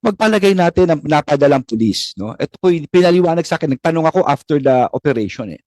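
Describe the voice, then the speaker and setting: Isang lalaking opisyal ng gobyerno na mahinahon at mapagpakumbabang nagpapaliwanag sa isang pagdinig. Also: male voice, on the high side, expressive, darkish tone, dry recording. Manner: measured, conciliatory, explaining. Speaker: government official answering questions. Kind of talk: formal hearing testimony. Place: hearing room.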